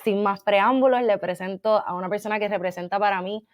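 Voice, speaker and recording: A woman hosting an interview in an energetic, casual, slangy way. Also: mid-range voice, fairly quick. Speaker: interviewer, magazine host.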